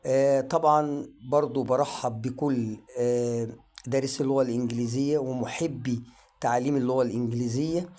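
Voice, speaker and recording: A man's voice: medium pitch, fairly even intonation, dark tone. A man with an Egyptian Arabic accent teaching English pronunciation in an online lesson, drilling words one at a time. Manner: slow, drawn-out word-by-word drilling.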